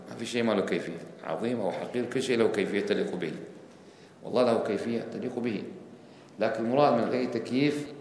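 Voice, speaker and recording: With a lowish, slightly mellow voice, a man teaches a religious lesson, listing his points one by one, working through them methodically, and posing rhetorical questions to his audience. The recording, made in an echoey hall with long reverb and faint ambience, carries a little hiss or hum.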